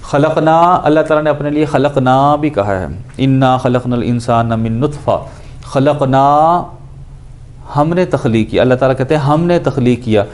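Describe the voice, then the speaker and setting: Patient man drilling grammar forms. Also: fairly high pitch. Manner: patient, repeats words while drilling verb forms; mixes English words into his teaching. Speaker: Quran and Arabic grammar teacher. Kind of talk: explanatory lesson.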